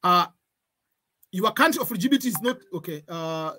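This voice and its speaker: Man, 40s, webcam tutorial, husky voice, patient repeating explainer. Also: high-pitched, expressive, fairly quick, bright, forceful tone. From Tanzania. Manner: repeats points, gives examples, cautionary tone. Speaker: online tutor. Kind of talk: screen-share tutorial.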